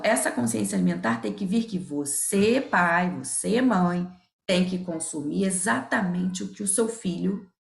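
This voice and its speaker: A middle-aged Brazilian woman speaks with a gravelly, fry-tinged voice. She is an easygoing podcast guest who tells stories from home and laughs often. Her voice carries a noticeable room echo. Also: medium pitch. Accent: Brazilian Portuguese. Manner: lively, laughs often, acts out remembered dialogue. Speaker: guest, nutritionist and professor. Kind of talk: candid conversational storytelling. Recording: roomy echo.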